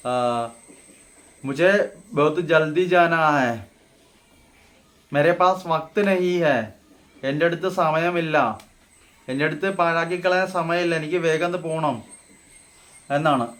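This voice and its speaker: A man gives a relaxed phrase lesson. His voice sits a little high for a man. He says each example slowly and carefully, then explains it in a conversational way. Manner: slow, deliberate model phrases, then explained in Malayalam. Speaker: Hindi teacher. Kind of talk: casual spoken-Hindi lesson.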